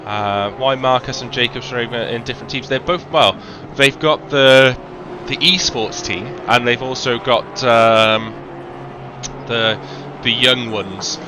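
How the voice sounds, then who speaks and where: A man's voice: medium pitch, measured pace, background noise. A man with a faint Welsh accent doing live sim racing commentary, chatty, with lots of ums and self-corrections. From Wales.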